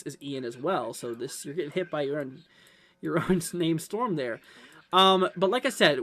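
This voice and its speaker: A man with a somewhat higher-pitched voice hosts live severe weather commentary. He talks off the cuff to his viewers, explaining in a rambling way and often repeating his phrases as he works through updates. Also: a bit bright. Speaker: weather livestream host.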